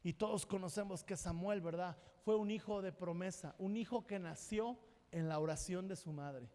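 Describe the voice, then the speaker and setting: A man preaching a sermon as pastor, impassioned and emphatic, sometimes rising to a shout. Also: sits high, normal speed. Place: church sanctuary. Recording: long church hall reverb.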